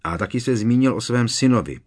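A man's voice: mid-range voice, lively intonation, a little mellow, natural voice. A man reading aloud, voicing a worried teenage boy wizard who speaks urgently and with emphasis.

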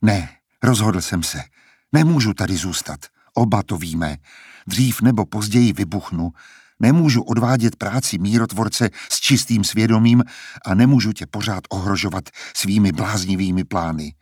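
A man's voice: on the low side, darkish tone, husky, dry recording, studio quality. A man voicing an earnest, determined young man who talks in an urgent, persuasive way, in a storybook reading. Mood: insistent.

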